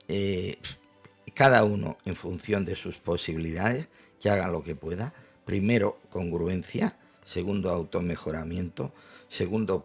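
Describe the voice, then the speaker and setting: An older man, a psychologist guest in a panel discussion, speaking in a measured, reflective way and laying out his points in order. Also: deep voice, gravelly, slightly rough.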